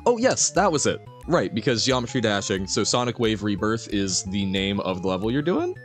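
A man's voice: lowish voice, big pitch swings, moderate pace. A man livestreaming a game and chatting with viewers, chirpy and playful, with little sound words and exclamations. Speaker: live streamer. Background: game music.

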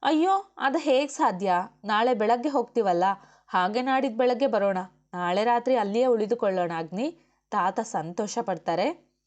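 A woman's voice: on the high side, moderate pace, close to an everyday voice. Brief: woman reader voicing a principled young woman official, firm and outspoken, in an audiobook. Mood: arguing. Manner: firm, argumentative. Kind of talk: audiobook character voice.

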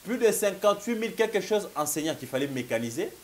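High-pitched, very animated, and fast, a political analyst in his thirties argues emphatically in a political talk show debate, gesturing and repeating "mon cher ami." He has a Congolese French accent and a slight cold, and his lapel mic picks up faint hiss.

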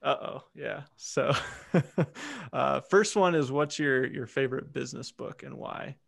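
Gravelly, easygoing male podcast host. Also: medium pitch, expressive, a little slow, dry recording, studio quality. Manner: easygoing, affirming, reads out questions. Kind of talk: casual podcast interview.

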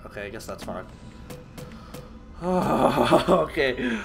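A young gaming channel host plays a horror game, sounding nervous and jittery, yelping and laughing often. His mid-range voice is stuffy and sick-sounding, slow-paced with big pitch swings and vocal fry, captured on a headset mic with game music behind him.

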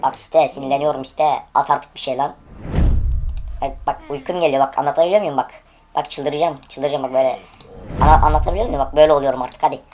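A woman's voice: low voice, fairly even intonation, fast, noisy background. A woman streaming an online case-opening game, giving live commentary in an impatient, profane way as she urges each spin aloud.

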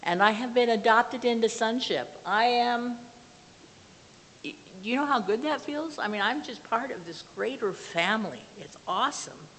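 A woman's voice: a little high, a bit bright. An older woman giving an earnest, plainspoken testimony and prayer from a pulpit in a small church, recorded from the back of the room. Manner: earnest, plainspoken, with slow measured phrasing. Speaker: lay speaker giving a testimony. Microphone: far camera from the back of the room. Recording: reverberant church hall with faint hiss.

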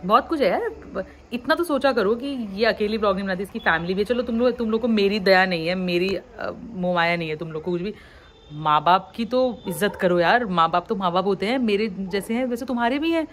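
A woman's voice: medium pitch, fairly quick. Young pahadi woman vlogger ranting at commenters, mixes in english, faint hum behind. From Uttarakhand, India. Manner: frustrated, venting, mixes English into Hindi. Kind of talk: candid talk to camera.

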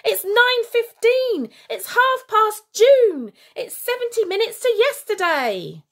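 A woman's voice: extremely high pitch, big pitch swings, takes it slowly, pitched above the performer's own voice, exaggerated voice. A woman doing a frantic babbling little boy. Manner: frantic nonsense shouting. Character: nervous small boy babbling wrong times.

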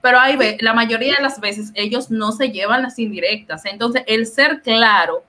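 A woman with a Dominican accent talks in a relaxed podcast chat. Her voice is bright and somewhat high. She slips into other people's voices when she quotes them. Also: normal speed. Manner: animated, acts out quoted dialogue. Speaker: podcast co-host. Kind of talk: casual chat.

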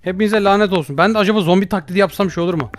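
A man's voice: high-pitched, racing. A young man doing jokey let's play commentary, panicking, yelping for help and joking at the game. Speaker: gaming YouTuber.

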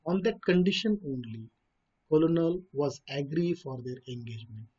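A man's voice: fairly high pitch, expressive, moderate pace, mellow, breathy edge. A man with an Indian English accent reads a story and explains it in his own words, hesitating often with fillers and restarts. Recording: dull lo-fi recording.

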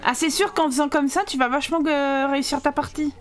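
A woman's voice: high voice, fairly even intonation, brisk, soft background music. A woman streamer giving live gameplay commentary, chatting with viewers in a teasing, sarcastic way.

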